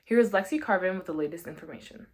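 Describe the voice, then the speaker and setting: A woman's voice: fairly low pitch, fast talker, slight background noise. A woman anchoring a newscast, reading scripted introductions to the segments. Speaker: news anchor.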